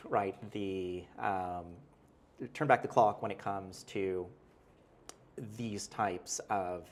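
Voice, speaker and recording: A male professor, appearing as a guest in a conversational interview, explains ideas thoughtfully and with hedges, often adding "right?" and restarting his sentences. His low voice moves slowly with fairly even intonation.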